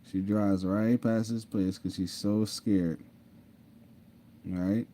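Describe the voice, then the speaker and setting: A man's voice: lowish voice, fairly even intonation, slow, dark tone, slight background noise. A man casually telling his own story to viewers, repeating himself, laughing and saying "mind you". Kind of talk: casual storytelling over screen share.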